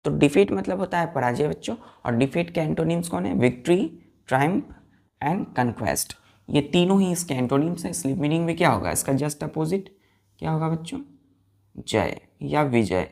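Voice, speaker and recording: A woman teaching children English words speaks in a low, animated voice at a moderate pace, creaky and a little mellow. In classroom fashion she spells each word letter by letter, blends Hindi explanations with the English, and repeatedly prompts the kids to say it back.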